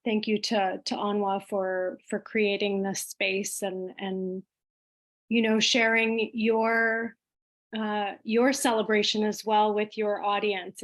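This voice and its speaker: Slow and hesitant, often breaking off mid-sentence, a woman with a mid-range voice speaks informally to an online audience as an event guest. She is from Iqaluit, Baffin Island, in Nunavut, Canada.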